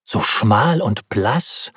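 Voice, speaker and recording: A man voicing a worried young male friend who gently scolds and frets over a pale, exhausted companion. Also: fairly low pitch, animated, drawn-out words, husky, no echo, studio quality, full character voice. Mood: concerned.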